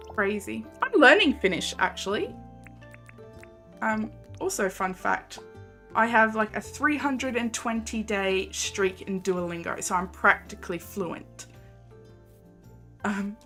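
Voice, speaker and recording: A woman's voice: medium pitch, a bit bright. A young woman streaming a game and chatting casually with viewers, rambling with lots of fillers and laughs. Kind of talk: casual live-stream chat.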